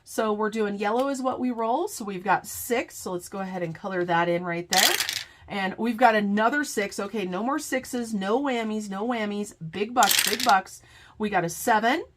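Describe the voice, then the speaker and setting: A woman's voice: mid-range voice, normal speed, very noisy. Congested woman chatting to her viewers. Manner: chatty, addresses viewers as "you guys". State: congested from a cold. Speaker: budgeting channel host. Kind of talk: casual budgeting vlog.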